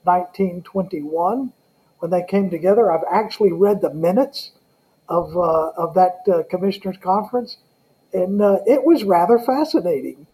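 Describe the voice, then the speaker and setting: A man with a Southern US accent speaks in a high, mellow voice. He gives conversational answers as an interview guest, often pausing and hesitating as he goes. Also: low-quality recording. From Southern United States. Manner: halting, with frequent hesitations. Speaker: guest, Salvation Army colonel.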